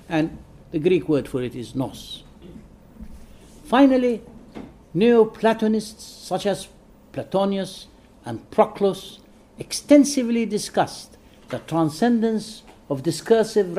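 This high voice belongs to a man for whom English is a second language. He works through a written academic lecture at a careful pace, pausing softly now and then.

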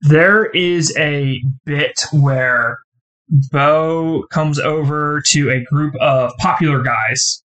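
A man co-hosting a casual podcast, telling a scene in a relaxed, rambling way with lots of "like". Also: mid-range voice, poor audio. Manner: relaxed storytelling, heavy use of "like". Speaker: podcast co-host. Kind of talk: casual chat reviewing a show.

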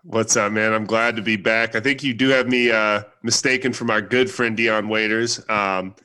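A man's voice: on the low side, steady tone, moderate pace, sharp tone, smooth. A man co-hosting a casual basketball podcast in an easygoing way, laughing often. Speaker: podcast co-host. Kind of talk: casual sports chat.

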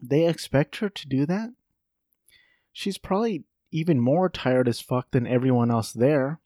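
A man's voice: medium pitch, measured pace, warm tone, no echo, clean studio sound. A man in his thirties hosting a solo comedy podcast from his home office, rambling and swearing with self-mocking asides. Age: 30s. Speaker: podcast host.

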